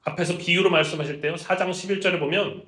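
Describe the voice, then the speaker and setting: A man preaching a lively sermon as a pastor, asking the congregation questions and acting out Jesus and the disciples in casual speech. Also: on the high side, fast talker, echoey room. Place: church.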